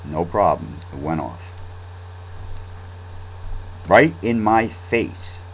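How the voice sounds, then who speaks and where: A man's voice: low voice, sing-song, extremely slow, gravelly, slight background noise, poor audio. A man telling a story in a casual, rambling monologue, with restarts and fillers. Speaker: vlog host.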